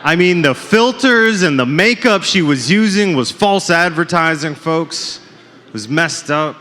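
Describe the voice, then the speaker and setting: A man's voice: on the high side, lively intonation, a little slow, bright, forceful tone, a little hiss or hum. A man doing a stand-up set on a comedy club stage, with self-deprecating, punchline-driven jokes, often calling the crowd folks. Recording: live club with long reverb.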